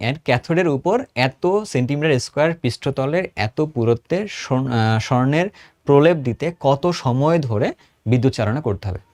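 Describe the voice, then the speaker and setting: A man's voice: mid-range voice, a little mellow, dry recording. A man in his thirties with a Bangladeshi Bengali accent, teaching an online exam-prep chemistry lesson in a chatty way, repeating phrases and quizzing his students.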